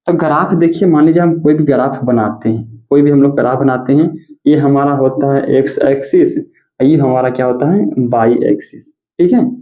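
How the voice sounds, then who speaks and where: A man's voice: medium pitch, normal speed. A male mathematics teacher giving a classroom lecture, who repeats points and asks and answers his own questions. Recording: echoey, tinny phone-like audio.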